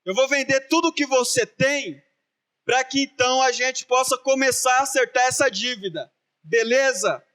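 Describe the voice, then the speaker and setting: A man's voice: very high voice, normal speed, pushed and bright. A preacher voicing a stern king. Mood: firm. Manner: firm, conversational, then scolding. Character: stern wealthy king, man, middle-aged.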